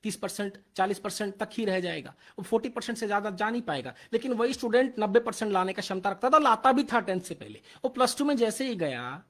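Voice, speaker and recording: A man's voice: high voice, expressive, fast talker, few pauses, fairly bright tone. A man speaking earnestly on a live motivational stream, mixing Hindi with Indian-accented English and repeating his points. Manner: earnest, repetitive, switching between Hindi and English.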